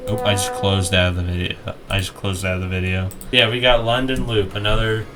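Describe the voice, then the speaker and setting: A man's voice: low voice, level tone, fairly quick, bright, forceful tone, slight background noise. A young man chatting casually while ranking game tracks, rambling with lots of restarts and jokey asides. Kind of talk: casual gaming chat.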